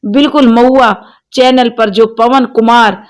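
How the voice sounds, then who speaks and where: A woman's voice: fairly high pitch, fairly even intonation, slow pace, clear, resonant tone. A woman voicing a playful young girlfriend. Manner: playful, gossipy.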